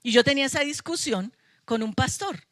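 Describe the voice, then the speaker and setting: A woman's voice: sits high, expressive, fairly quick, fairly bright tone, no echo, clean studio sound. A middle-aged woman pastor, preaching a sermon with emphatic passion and playful asides to her congregation. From Colombia. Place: church sanctuary.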